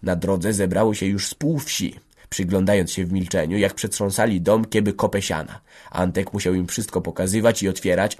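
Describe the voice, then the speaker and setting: Male audiobook narrator, low, even storytelling delivery. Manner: steady storytelling reading. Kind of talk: scripted narration.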